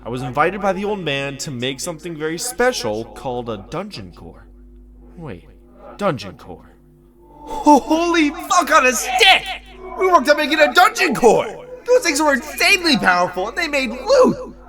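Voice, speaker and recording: An elated, high-pitched performance at a moderate pace: a man acts out an audio-drama part as a former magical fabricator who has lost his memory and curses a lot. He coaxes himself onward, moving between muttered focus and excited outbursts.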